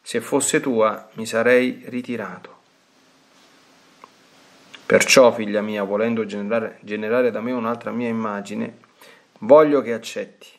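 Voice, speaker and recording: A man reading aloud the words of Jesus, gentle and consoling, with calm pauses. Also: fairly low pitch. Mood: tender. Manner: calm, tender reassurance, read with pauses.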